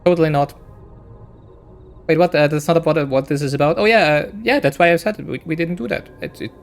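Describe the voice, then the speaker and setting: A man whose first language isn't English streams a game over soft background music, talking fast in a fairly high voice with vocal fry. His commentary is a chatty, rambling let's-play, frequently punctuated by "right?"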